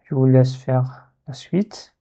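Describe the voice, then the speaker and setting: A man teaching a lesson step by step, patient, and repeating words slowly so they can be copied. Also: medium pitch, steady tone, warm tone, lo-fi sound. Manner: slow, patient, repeats words to model pronunciation.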